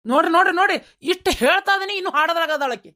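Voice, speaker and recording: A woman's voice: very high voice, very fast, pushed and bright, voice pushed down. A woman voicing a fed-up young husband in a cartoon comedy, complaining in a North Karnataka Kannada accent. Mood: exasperated. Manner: exasperated, complaining to his mother-in-law.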